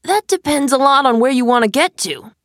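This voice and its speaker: A woman's voice: sits high, lively intonation, brisk, dry recording, clean studio sound, pitched above the performer's own voice. A woman voicing a teasing, knowing storybook cat who speaks in riddles and grins as if mad. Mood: sly amusement. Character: grinning, teasing male Cheshire Cat, mysterious and mad. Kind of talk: storybook character reading.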